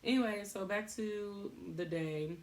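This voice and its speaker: A young woman hosting a podcast, talking in a casual, rambling way, thinking out loud and laughing at herself. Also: medium pitch, measured pace. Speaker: podcast host.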